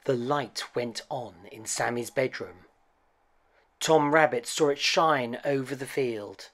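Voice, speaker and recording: A man hosts a children's storybook reading, his medium-pitched voice gentle, deliberate, and expressive.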